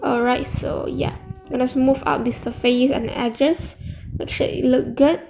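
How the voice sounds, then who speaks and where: A high-voiced woman talks through a hands-on craft tutorial with braces on her teeth. She is casual and hesitant, often correcting herself, and music plays behind her. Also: steady tone, vocal fry. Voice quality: speech slightly affected by new dental braces. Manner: halting, self-correcting, hesitant.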